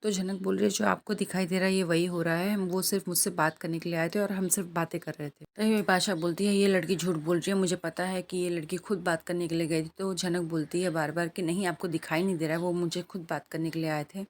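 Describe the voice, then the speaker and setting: A woman's voice: lowish voice, fairly even intonation, quick pace, few pauses. A woman casually retelling an upcoming soap episode, reading the characters' lines aloud in her own voice with small slips. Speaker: TV serial recap narrator.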